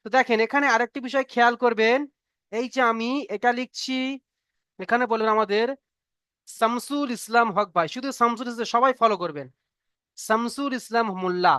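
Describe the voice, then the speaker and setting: At a moderate pace, a man speaks in a very high voice that sounds pushed and bright, clear and resonant, with no echo and studio-quality sound. He's a Quran teacher giving an online Arabic reading lesson, patiently restating each point and often checking that the class understands.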